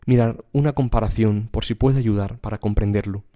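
A man's voice: on the low side, steady tone, a little fast, warm tone. A man preaching a devotional sermon and reading a spiritual text aloud, in an earnest, emphatic cadence.

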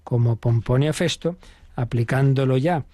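A man's voice: mid-range voice, measured pace, mellow, no echo. A man giving a catechism lesson, explaining patiently with rhetorical questions and frequent restarts. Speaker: priest teaching the catechism.

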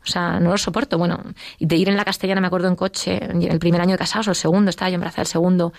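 A woman's voice: fairly low pitch, level tone, racing, creaky, a little mellow, dry recording, studio quality. A middle-aged woman telling her personal story in an interview, acting out the voices she quotes. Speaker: interview guest.

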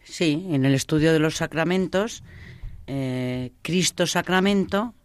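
A man calmly introducing and explaining religious texts on a radio talk. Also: fairly high pitch, a little slow, clean tone, no room sound. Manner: calm, explanatory. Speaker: co-host.

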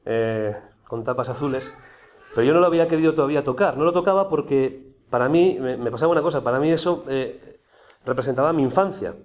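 Brief: man, storytelling testimony, mid-pitched, lively and informal with frequent restarts. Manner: conversational, animated, with many restarts. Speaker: speaker giving a personal testimony.

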